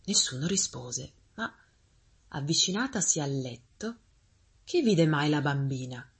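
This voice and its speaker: A woman reading a fairy tale aloud as a storyteller, expressive and gently paced. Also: sits low, measured pace, breathy edge.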